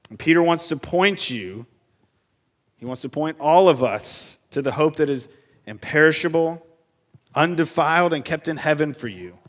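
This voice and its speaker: A man preaching from a pulpit microphone in a church sanctuary, his voice sitting somewhat high for a man. He talks earnestly and steadily, working through the text and putting question after question to the congregation. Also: lively intonation, normal speed, in a large hall. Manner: earnest, asks the congregation many rhetorical questions. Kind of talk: expository sermon.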